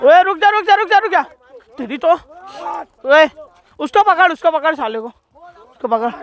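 A young man vlogging outdoors, yelling urgent commands during a chase on a rough road. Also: very high voice, big pitch swings, a little slow. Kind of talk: excited outdoor confrontation vlog.

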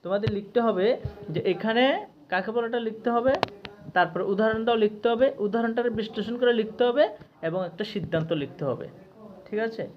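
A man's voice: high-pitched, normal speed. A male teacher giving an exam-prep grammar lesson in a conversational way, often checking in with his students. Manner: conversational, often asks "ঠিক আছে?" to check understanding. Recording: slightly dull lo-fi recording with faint noise.

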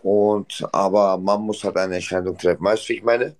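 A man's voice: sits low, steady tone, moderate pace. Man in rambling livestream chat. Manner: rambling, repeats "Bruder" and "weißt du". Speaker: livestream host.

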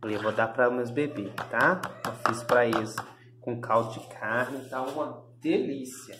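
Slow, cooing Brazilian pet owner. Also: mid-range voice. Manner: coos at the dogs in affectionate baby talk. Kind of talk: casual pet vlog narration. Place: home with pets, while feeding dogs. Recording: echoey room with noise. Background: dogs barking and growling.

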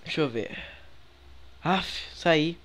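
A young man with a Brazilian accent giving relaxed, slangy commentary while playing a game, chatting with viewers through a headset mic. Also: on the high side, slow, soft background music. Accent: Brazilian Portuguese. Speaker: gaming youtuber. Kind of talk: casual gameplay commentary. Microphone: headset microphone.

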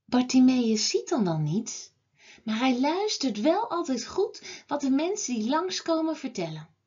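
A woman teaching a children's Bible class, telling a story to children in an expressive way. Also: high-pitched, husky, highs cut off. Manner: slow, expressive, lively telling.

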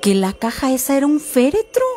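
A woman's voice: high voice, big pitch swings, fairly quick, dark tone, slight background noise. A woman telling a horror story for a podcast, chatty, with fillers and asides to listeners.

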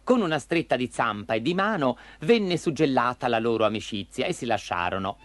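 A man narrating a children's story in an expressive, lively way. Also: mid-range voice, a little fast.

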